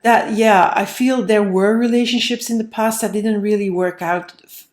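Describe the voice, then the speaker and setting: Reading tarot for an audience, a woman keeps a steady tone in her mid-range voice at a moderate pace. The delivery is chatty and meandering, with phrases repeated for emphasis, and the recording carries a roomy echo.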